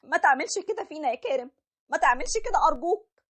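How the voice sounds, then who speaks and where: A woman voicing an older, protective mother, shrill and pleading, with an Egyptian accent. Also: animated, rapid-fire. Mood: distraught. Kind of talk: animated story voice acting.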